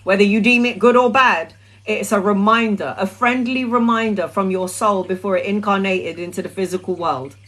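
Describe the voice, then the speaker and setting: Woman, middle-aged, mid-pitch; casual, sweary tarot livestreamer. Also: normal speed, a bit bright, rough recording. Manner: chatty, blunt and sweary, with rambling restarts. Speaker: tarot reader answering viewer questions. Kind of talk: casual live-stream chat.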